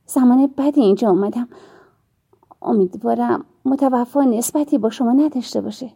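A woman narrator voicing a friendly young woman stranger in an audiobook, speaking softly and low. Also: gravelly, husky. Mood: gentle. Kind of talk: audiobook character reading.

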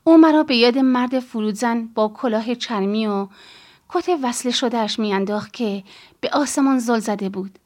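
Female audiobook narrator, first person, calm and measured, slightly high voice.

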